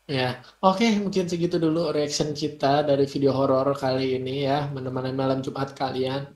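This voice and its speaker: A man's voice: mid-range voice, little pitch movement, normal speed, a little mellow. A young man hosting a reaction video, chatting in a casual, slangy way and often repeating himself. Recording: roomy echo.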